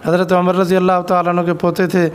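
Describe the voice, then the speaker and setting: A man's voice: high-pitched, completely flat delivery, quick pace, smooth. A man who is an Islamic cleric, answering an interview question with an earnest, exhortative sermon and stories.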